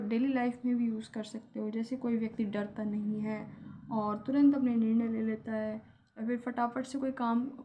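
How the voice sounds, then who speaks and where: Woman, Indian accent, English teacher, patient step-by-step explaining, high voice. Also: highs cut off. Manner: patient, explains each word slowly with examples. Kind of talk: vocabulary lesson in Hindi.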